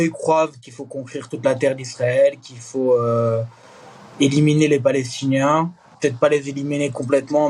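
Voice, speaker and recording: A young man born in East Jerusalem, speaking in a candid interview, earnest and halting with frequent restarts and fillers. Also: mid-range voice, darkish tone, husky. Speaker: Israeli reservist interviewee.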